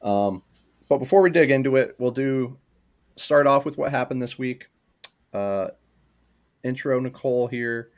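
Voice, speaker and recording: A man's voice: medium pitch, measured pace, long pauses, highs cut off. A young man hosting a casual podcast, chatty and rambling, with plenty of ums and laughs. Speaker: podcast host.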